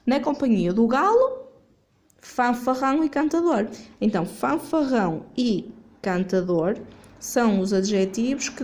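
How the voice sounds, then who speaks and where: A fairly high-voiced woman teacher, patiently working through a worksheet. She asks questions and answers them herself while filming on a phone, with faint background noise around her. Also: a little mellow. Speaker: primary school teacher. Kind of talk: remote lesson going over a worksheet. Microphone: phone filming while she writes.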